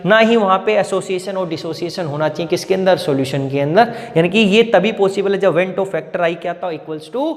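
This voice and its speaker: A man with a rather high-pitched voice teaches chemistry, mixing Hindi explanation with English technical terms. He slows right down to dictate phrases word by word, like a teacher giving notes. His voice rings out with a long reverb in the room. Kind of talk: classroom lecture, dictating notes.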